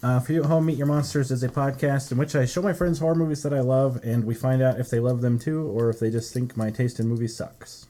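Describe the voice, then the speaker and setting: A man's voice: mid-range voice, fairly even intonation, quick pace, hardly any pauses, dark tone. A man hosting a podcast with his friends, talking loosely and joking, swearing now and then. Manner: loose and jokey, swears freely. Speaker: podcast host. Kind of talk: casual chat.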